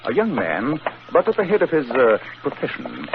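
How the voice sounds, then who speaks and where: A sardonic Sherlock Holmes. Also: male voice, mid-range voice, very animated, moderate pace, over music. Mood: commanding. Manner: crisp, lofty, clipped and teasing. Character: cool, brilliant, sardonic male detective. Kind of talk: 1940s radio acting. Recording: muffled old radio with faint hiss.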